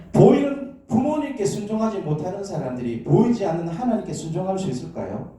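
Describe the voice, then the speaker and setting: Man, pastor, sermon with call-and-response, very dark mellow tone, roomy church echo. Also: high voice, sing-song, moderate pace, long pauses. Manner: call-and-response, asking questions and prompting amens. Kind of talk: sermon to a congregation with children. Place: church sanctuary. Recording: echoey church hall, distant mic.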